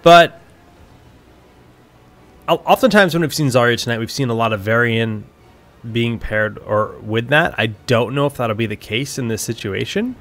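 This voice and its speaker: A man's voice: medium pitch, moderate pace, fairly bright tone. A man giving esports draft analysis, thinking aloud with hesitant restarts as he works through his ideas. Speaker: esports caster.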